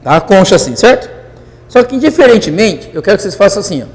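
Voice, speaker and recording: A man teaching physics in a classroom lecture, euphoric and animated, constantly checking that students follow. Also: sits high, fast, long reverb tail.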